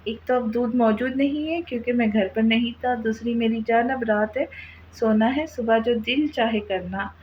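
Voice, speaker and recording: A woman's voice: on the high side, normal speed, dull audio, a little hiss or hum, natural voice. A doting young husband, read by a woman. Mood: tender.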